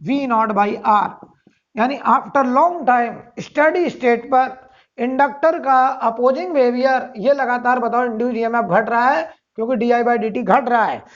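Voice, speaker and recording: A man's voice: very high voice, a little slow. Male physics teacher, lecturing, answers his own questions and repeats phrases; muffled lo-fi recording. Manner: keeps asking and answering rhetorical questions, repeats key phrases. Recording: dull lo-fi sound.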